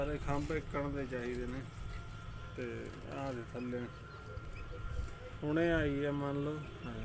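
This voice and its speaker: Punjabi-accented man chatting over cooing pigeons. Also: a little high. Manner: informal, calls viewers brother, banters with helpers. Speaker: pigeon keeper and vlog host. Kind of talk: casual running commentary to camera. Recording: clear background noise, cooing pigeons.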